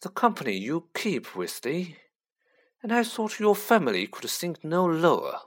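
A man voicing a cold, sneering aristocratic wizard who drawls his words slowly. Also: a little high, wildly swooping pitch, pitched above the performer's own voice, heavily acted.

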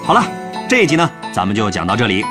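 A man's voice: lowish voice, wildly swooping pitch, fast, music in the background. A man telling a history lesson as a chatty, playful story. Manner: chatty, playful, with sentence-final particles.

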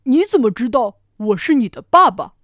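T-rex voiced by a woman: gruff, loud, big-hearted dino, slow and dramatic, dry close sound. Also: on the high side, lively intonation, dry recording. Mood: flustered. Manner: loud gruff growling delivery. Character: big hungry male tyrannosaurus, gruff yet soft-hearted. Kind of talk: storytelling performance.

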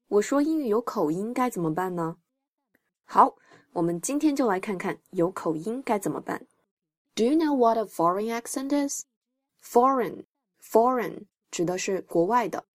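A woman's voice: fairly low pitch, dry recording. Encouraging woman English teacher, dry studio sound. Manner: encouraging, explains terms step by step. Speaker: English teacher and podcast host. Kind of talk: scripted podcast lesson.

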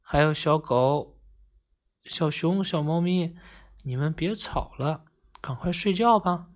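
A storyteller voicing a kind green paint blob that coaxes toys to sleep in a quiet, whispery, slow voice in a bedtime story. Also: mid-range voice, natural voice. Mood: coaxing.

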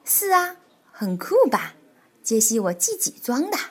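A woman's voice: sits high, sing-song, measured pace. Proud, jolly beaver dentist in a storybook, chatty and boastful; woman voicing.

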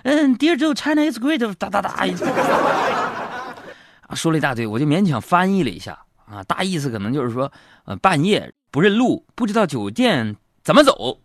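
Animated male comedian. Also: on the high side, moderate pace. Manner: animated, acts out relatives in character voices. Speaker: stand-up comedian. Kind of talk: live stand-up storytelling. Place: live comedy stage.

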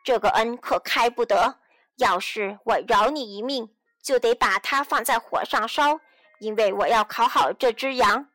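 A woman voicing a gruff, bearded male puppet-show master in a children's audio storybook, speaking in a blunt, grumbling way. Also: on the high side, a little slow, a bit bright, no room sound, faint music behind.

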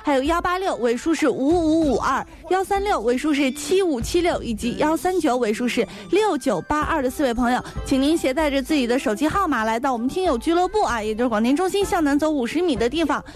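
A woman's voice: high-pitched, expressive, quick pace, few pauses. A woman radio co-host chatting casually and reading announcements.

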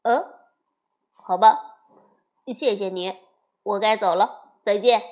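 A woman voicing a boy bear cub, a protective big brother who talks indignantly and loudly in a storybook reading. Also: medium pitch, slow, close to an everyday voice. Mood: hesitant. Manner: indignant, shouting.

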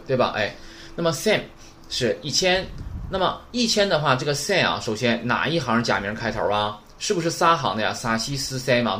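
Male language teacher, lively pitch, repetitive drilling delivery, faint background hiss. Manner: drills number words, constant "right?" check-ins. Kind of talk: recorded beginner lesson.

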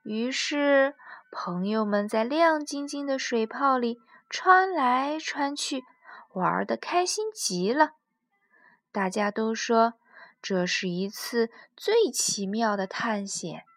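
A woman storyteller gently and expressively reading a children's story aloud, close to the mic. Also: a little high, expressive, slow, no echo.

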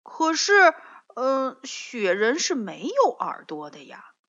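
Woman doing a young frog boy, storybook figure, stubborn and loud, bright high voice. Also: huge pitch swings, takes it slowly, heavily acted. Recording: dull lo-fi recording.

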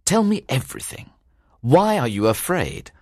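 A man's voice: medium pitch, sing-song, moderate pace, darkish tone, dry recording, studio quality, pitched above the performer's own voice. A narrator voicing a male lawyer in an audiobook, firm, commanding and questioning. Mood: firm, concerned. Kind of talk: audiobook drama reading.

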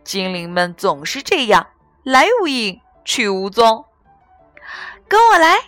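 Gentle lady reading a kids story, slow and lively, dry close sound. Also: medium pitch, no room sound, faint music behind. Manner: gentle and expressive. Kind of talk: children's story narration.

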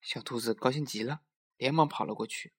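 A man narrating a children's story in an expressive, lively way. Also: mid-range voice, brisk, slightly rough.

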